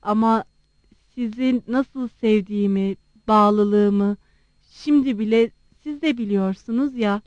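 A timid young prince in love stumbles through his answers in halting phrases, read by a woman. Close, dry storybook recording. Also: medium pitch, a little mellow, no echo, muffled recording, natural voice. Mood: hesitant. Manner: hesitant, halting.

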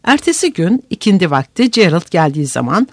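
A narrator reading a novel aloud in an expressive, dramatic manner. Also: mid-range voice, fairly quick, no room sound, clean studio sound. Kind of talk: audiobook narration.

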